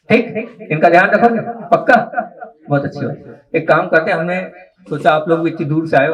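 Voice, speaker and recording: A man's voice: a little high, fairly bright tone. A man teaching a gathered group, explaining step by step and often checking that his listeners follow. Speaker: teacher of religious recitation. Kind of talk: live teaching talk to a group.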